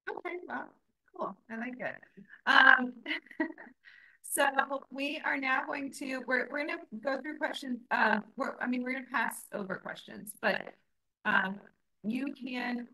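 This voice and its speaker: Bright, chatty woman moderating a webinar. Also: high-pitched, measured pace, poor audio. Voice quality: robotic-sounding audio. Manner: chatty, laughs easily, restarts often. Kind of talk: casual moderation. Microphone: video call.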